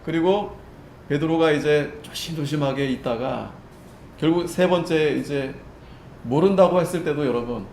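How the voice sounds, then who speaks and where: Animated preacher man, echoey church. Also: fairly high pitch, normal speed, vocal fry, slight background noise. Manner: conversational, keeps checking with listeners; acts out quoted speech with sharp loud-soft swings. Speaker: pastor. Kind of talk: Sunday sermon. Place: church sanctuary. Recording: echoey church room, faint ambience.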